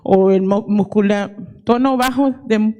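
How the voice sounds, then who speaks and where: Speaking in a dark-toned, mid-range voice at a measured pace, a woman in her forties gives an earnest testimony from the audience at a conference hall. She mixes English words into her Spanish, and the sound is lo-fi.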